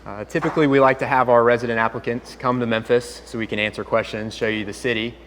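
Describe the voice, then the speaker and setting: A man's voice: mid-range voice, steady tone, fast, a bit bright, a little hiss or hum. A young man from East Tennessee, a resident moderating a panel and guiding questions. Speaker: moderator, fifth-year resident. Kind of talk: panel discussion.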